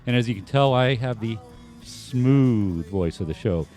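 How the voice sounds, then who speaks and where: This talk show host has a medium-pitched, slightly mellow voice with lively intonation and a somewhat slow pace. He rambles through loose chat full of fillers and restarts. Faint band music plays as a bed behind him.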